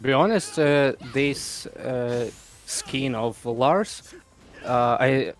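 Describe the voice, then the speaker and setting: A man's voice: mid-range voice, drawn-out words, faint music behind. A man from Ukraine, a tournament player, talking hesitantly after his match with many fillers. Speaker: player guest. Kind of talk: casual post-match talk.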